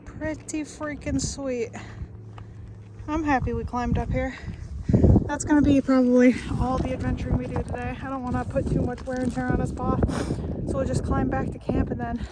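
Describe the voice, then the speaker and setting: A woman's voice: high-pitched, level tone, normal speed. A young American woman vlogging casually on a hike, chatting cheerfully to her dog, recorded outdoors on a handheld phone. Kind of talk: casual outdoor vlog narration. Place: outdoors on windy desert hills. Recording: loud wind buffeting phone mic.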